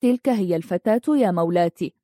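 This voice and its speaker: A woman reading the lines of a secretive palace maidservant who talks in a hushed, urgent way. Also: fairly low pitch, quick pace, no echo, studio quality, close to an everyday voice. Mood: plain.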